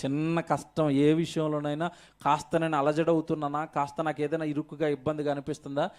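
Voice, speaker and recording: A man's voice: fairly high pitch, little pitch movement, fairly quick, darkish tone. A male pastor preaching an emphatic sermon at a church service, firing rhetorical questions at the congregation.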